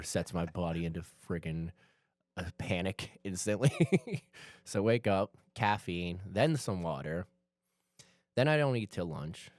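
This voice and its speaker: A man's voice: low voice, no room sound. A man co-hosting a casual group podcast, joking and self-mocking as he talks. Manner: laughing, self-mocking, loose. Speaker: podcast co-host.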